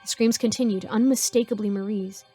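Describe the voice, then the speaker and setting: A woman's voice: medium pitch, steady tone, a little fast, warm tone, breathy edge, soft background music. Woman telling a suspenseful horror story. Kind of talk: first-person horror story narration.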